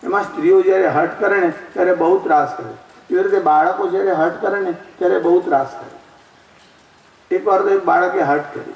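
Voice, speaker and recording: A man's voice: sits high, fairly even intonation, moderate pace. A man telling scripture stories in a devotional discourse, weaving in sung verses and folk anecdotes. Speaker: scripture storyteller. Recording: echoey hall, distant mic.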